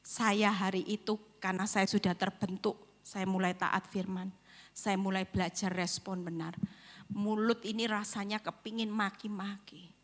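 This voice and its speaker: A woman's voice: mid-range voice, steady tone, moderate pace. A middle-aged woman giving an emotional church testimony, emphatic and repeating her phrases as she addresses the congregation. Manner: emphatic, repeats phrases, keeps addressing listeners as "brothers and sisters". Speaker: women's prayer fellowship leader giving testimony. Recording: long hall reverb.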